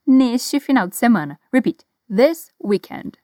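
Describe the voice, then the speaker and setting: An encouraging woman teacher with a Brazilian Portuguese accent, leading repeat-after-me drills in an English lesson. Her voice sits a little high. The sound is dry and close, and she says each model phrase slowly and carefully. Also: lively intonation, dark tone, no room sound.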